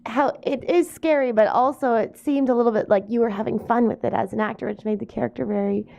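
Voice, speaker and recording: A woman's voice: fairly high pitch, fast talker, vocal fry, warm tone. A woman hosting an interview, asking long run-on questions in a friendly way. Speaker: interviewer host.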